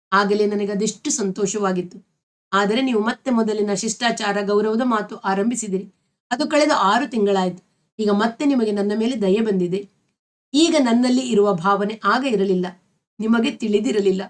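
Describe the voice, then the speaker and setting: A woman reading aloud the lines of a shy, tender young woman in love, in a soft, hesitant way. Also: a little high, lightly acted.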